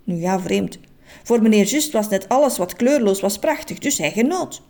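A woman's voice: medium pitch, lively intonation, moderate pace, darkish tone. Lady reading a kids story, playful and full of suspense, voice goes up and down a lot. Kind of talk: storybook narration for children.

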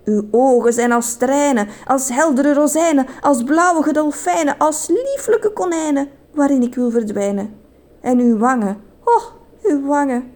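A woman's voice: sits high, measured pace, a little mellow, voice pushed up. A woman voicing a shy, lovestruck man who stammers, then gushes flowery verse. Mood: gushing. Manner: stammering, then gushing and theatrical.

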